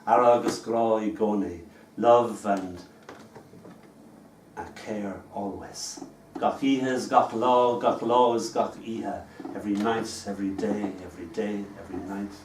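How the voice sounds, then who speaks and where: Unhurried and fairly even in intonation, this lowish, darkish voice belongs to an Irish poet performing at a small live venue. Between poems he tells wry, chatty stories. Picked up at a distance in an echoey space, the audio carries slight background noise.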